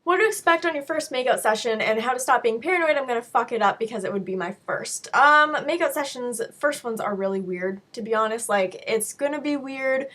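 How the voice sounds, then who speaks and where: A young woman speaks in a fairly high voice that is touched by sickness. She chats informally to her viewers as she answers questions. Her delivery is frank and conversational, with playful asides. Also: a bit bright. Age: young adult. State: sick with a cold-affected voice. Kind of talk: casual chat to camera, Q&A.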